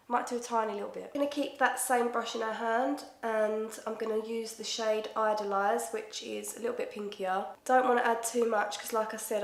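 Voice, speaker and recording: A woman in her twenties with an Essex accent, chatting casually and swearing freely through a makeup tutorial. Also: mid-range voice. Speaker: makeup vlogger. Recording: echoey room.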